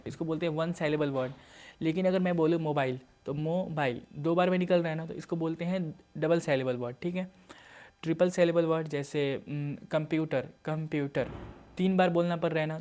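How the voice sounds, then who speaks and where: Young man, exam-prep lecture, casual explaining, flat delivery. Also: fairly high pitch. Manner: casual, explanatory, mixes English terms. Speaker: teacher.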